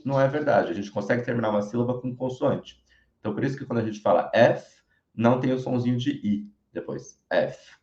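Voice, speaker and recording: A Brazilian man teaching French in an online lesson, speaking clearly and modelling each sound slowly so learners can repeat it. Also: medium pitch, a little mellow. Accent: Brazilian Portuguese. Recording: roomy, dull lo-fi recording.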